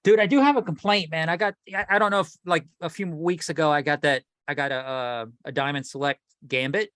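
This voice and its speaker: Chatty higher-voiced male co-host. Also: brisk, no room sound, studio quality. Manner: animated, rambling with many restarts. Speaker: podcast co-host. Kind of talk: casual chat.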